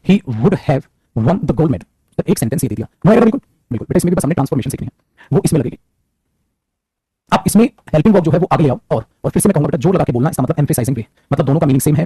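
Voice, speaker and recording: Fast-talking male teacher, husky dark voice, dry close sound. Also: a little high, dry recording. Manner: rapid, animated, addresses students as beta. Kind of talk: classroom grammar lecture.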